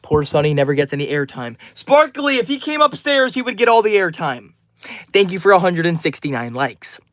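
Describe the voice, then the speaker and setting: A man's voice: high voice, big pitch swings, brisk, a bit bright, no echo. A twenty-year-old man live streaming, reading out chat names and answering each message in a friendly, upbeat way. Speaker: livestreamer.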